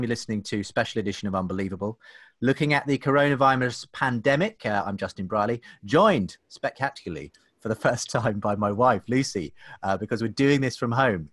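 A man in his thirties from England hosts a podcast from a room at home, chatty and full of fillers and restarts. His medium-pitched voice is brisk and a bit bright, picked up by a desk microphone and webcam with no echo.

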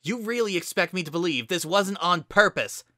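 A narrator voicing an injured young female pegasus pony who is bitter and fiery, raised high and loud. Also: animated, normal speed, no echo, clean studio sound. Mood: furious.

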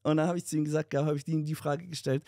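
A young man co-hosting a podcast, telling a story in casual chat, animated and mixing in English slang. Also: on the high side, rapid-fire, creaky, no room sound, studio quality. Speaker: podcast co-host.

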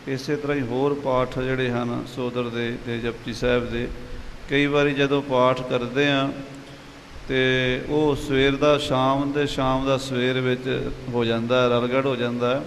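A man teaching, calmly explaining how to recite the verses, with a gravelly voice. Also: medium pitch, unhurried. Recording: hall reverb with faint hiss.

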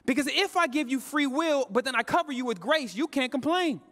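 A man's voice: very high voice, expressive, fairly quick, fairly bright tone. A male pastor preaching a live sermon, talking straight to his congregation in a casual, slangy way. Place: church sanctuary. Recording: long reverb of a church hall.

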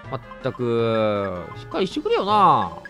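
Animated Kansai-accented gamer man. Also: mid-range voice, measured pace, faint music behind. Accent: Kansai Japanese. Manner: joking, exaggerated indignation, lively reactions. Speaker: game streamer. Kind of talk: let's play commentary.

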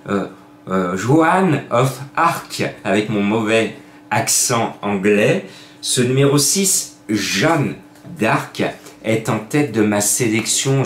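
A man's voice: lowish voice, reverberant, a little hiss or hum. A man giving horse racing betting tips in a chatty, rambling, joking way with many fillers. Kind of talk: casual betting tips video.

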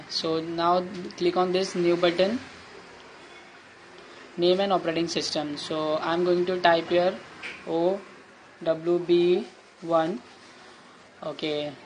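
A man giving a plain step-by-step software tutorial over a screen recording, with frequent fillers and restarts. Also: fairly high pitch, a little hiss or hum, low-quality recording. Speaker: tutorial host.

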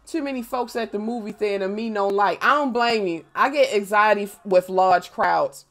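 A young woman chatting casually on a live stream, telling stories in an animated, profane way. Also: mid-range voice, moderate pace. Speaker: gaming livestreamer.

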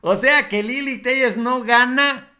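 A man's voice: extremely high pitch, unhurried, sharp tone. A man with a Mexican accent giving scornful, emphatic political commentary for a vlog, drawing out his words.

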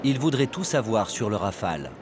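A man with a lowish voice delivers scripted documentary voice-over, very animated and brisk. Location sound from a noisy crowd lies faintly beneath his narration.

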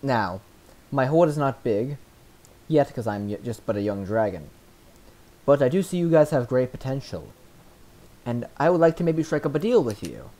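A man voicing a young male sapphire dragon, booming and halting with ums. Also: animated, dark tone, natural voice. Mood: grandiose.

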